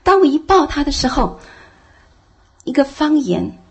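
A woman's voice: high voice, very animated, unhurried. A woman giving a heartfelt personal testimony in church, telling her story earnestly and growing fervent. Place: church, speaking from the front.

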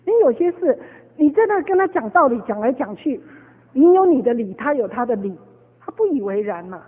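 A woman's voice: fairly high pitch, sing-song, fairly quick, husky. A woman preaching a sermon, telling a story with many fillers and repeated words. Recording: tinny phone-like echoey hall.

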